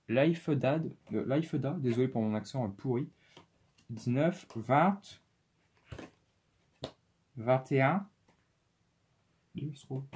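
A man talks through an unboxing at an unhurried pace, stopping often to think aloud as he counts. His voice has a slightly husky edge and sits at an ordinary middle pitch. The style is a relaxed, casual video chat. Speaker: toy-unboxing YouTuber.

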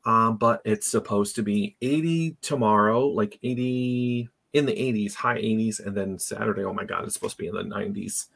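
A man's voice: fairly low pitch, normal speed, vocal fry, hardly any pauses, fairly bright tone, slightly rough. Chatty male live-stream host. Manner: chatty, rambling, greets viewers by name. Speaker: podcast host. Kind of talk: casual live-stream chat.

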